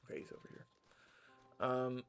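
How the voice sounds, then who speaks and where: This young General American-accented streamer from the United States rambles to himself over gameplay at a moderate pace, his tone fairly bright. Soft music plays behind him.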